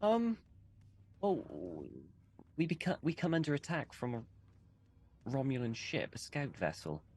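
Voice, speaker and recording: A man playing his character in a tabletop game, talking in a halting way with many restarts. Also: mid-range voice, huge pitch swings, a little mellow, slightly rough. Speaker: player.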